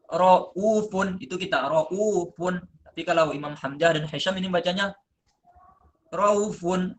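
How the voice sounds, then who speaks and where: A man presenting a lesson on recitation, explaining step by step and slowly chanting drawn-out example words. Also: high-pitched, bright, forceful tone. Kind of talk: classroom-style lesson presentation.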